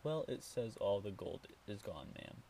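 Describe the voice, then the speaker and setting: A man's voice: fairly low pitch, sing-song, a little slow, dark tone, a little hiss or hum. A man voicing a skinny, nervous young servant boy who speaks hesitantly, in a storybook reading. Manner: hesitant, timid.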